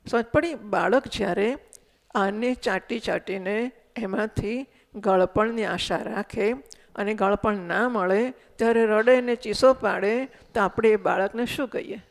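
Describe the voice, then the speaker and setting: A woman teaches spiritual philosophy. She has a gravelly edge to her voice and asks her listeners questions as she explains. The sound carries a long echo from a large hall. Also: medium pitch, a little slow. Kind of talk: Vedanta discourse. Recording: echoey hall recording.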